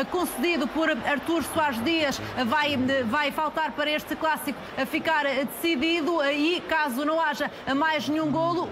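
A man with a European Portuguese accent giving football match analysis as a commentator, in halting phrases with repeated words. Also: very high-pitched. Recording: clear background stadium noise.

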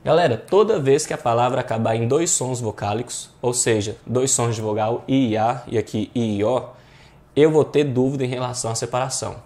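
Male Brazilian teacher with a mid pitch, walking students through grammar questions in a didactic, question-and-answer way. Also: a little fast, warm tone. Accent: Brazilian Portuguese. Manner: didactic, checks in with frequent rhetorical questions. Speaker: online exam-prep teacher. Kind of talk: explaining grammar exercises.

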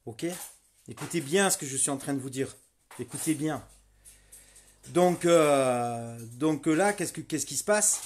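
A man's voice: a little high, lively intonation, measured pace, a little hiss or hum. A middle-aged man, a volunteer street medic, telling what happened to him in a heated, repetitive first-person testimony. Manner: starts subdued, grows loud and furious, repeats himself.

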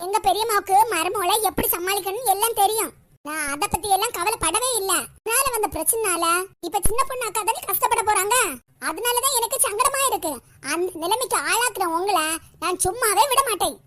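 A woman with a Kanyakumari Tamil accent voicing a scolding, indignant character in an animated comedy. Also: extremely high pitch, a little fast.

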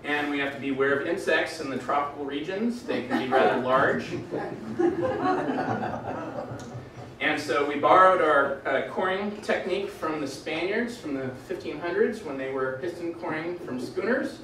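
Man presenting research at a lecture, relaxed, dry humor, very echoey far-off room sound. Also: fairly high pitch, moderate pace, few pauses, noisy background. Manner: relaxed, with dry jokes and frequent "uh" fillers. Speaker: doctoral candidate presenting his defense. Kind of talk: academic presentation.

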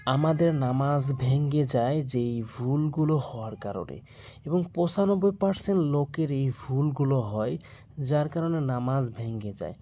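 A man teaching Quran pronunciation in a Bangladeshi Bengali accent. He drills each sound slowly and deliberately, repeating it several times. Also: mid-range voice, mellow.

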